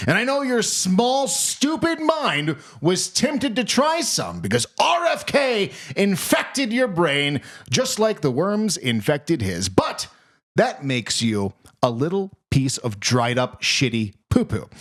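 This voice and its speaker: A man's voice: high voice, huge pitch swings, slow pace, heavily acted. Man doing a ranting mock-ad spokesman. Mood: furious. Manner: insulting, ranting, building to shouts. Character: angry male spokesman in a mock sponsor ad.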